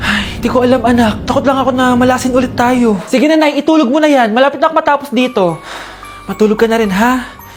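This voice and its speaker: Expressive high-voiced woman in skits. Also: quick pace, faint music behind. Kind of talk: comedy skit acting.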